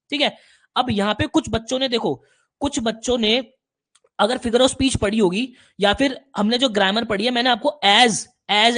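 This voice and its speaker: A male teacher giving a live online exam-prep class, chatty, with frequent check-ins and slowly spelled-out examples. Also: very high voice, a bit bright.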